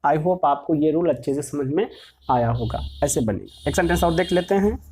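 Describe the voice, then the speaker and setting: A woman's voice: deep voice, expressive, moderate pace, a little mellow, slightly rough. A woman teaching a grammar lesson who dictates example sentences word by word and asks her class questions, then answers them herself.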